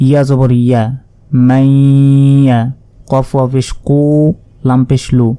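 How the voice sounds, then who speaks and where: A man teaching Quran reading, spelling out Arabic syllables patiently and chanting each word slowly. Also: mid-range voice, little pitch movement, warm tone, no room sound. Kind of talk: spelling out Arabic letter by letter, slow recitation lesson.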